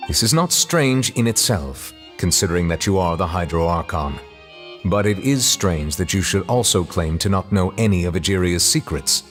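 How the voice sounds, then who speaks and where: With a voice that sits low, the actor portrays a stern, dignified male chief justice in game audio. Soft music backs his formal, measured and grave questioning.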